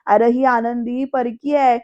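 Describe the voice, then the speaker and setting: A woman voicing a boastful middle-aged uncle, speaking loudly and melodramatically. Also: on the high side, flat delivery, a little slow, natural voice. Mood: dramatic. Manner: loud, exclaiming, melodramatic. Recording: dull lo-fi sound.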